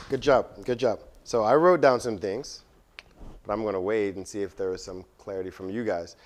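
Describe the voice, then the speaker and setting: A man leading a pitch workshop, coaching students and often checking in with "right?". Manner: frequent "right?" check-ins, encouraging. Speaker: workshop instructor. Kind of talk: coaching feedback in class.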